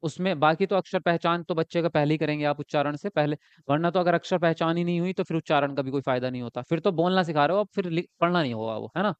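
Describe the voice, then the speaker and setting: Male teacher for an exam-prep lesson: high, smooth voice that answers its own questions, close and dry, slightly dull recording. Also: fast talker, few pauses, dry recording. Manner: explains by asking and answering himself; ends points with a checking tag.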